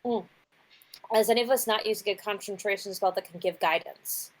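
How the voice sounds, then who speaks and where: A woman's voice: medium pitch, fairly quick, a little hiss or hum, low-quality recording. A woman chatting casually as a player in a tabletop game, playful and giggly.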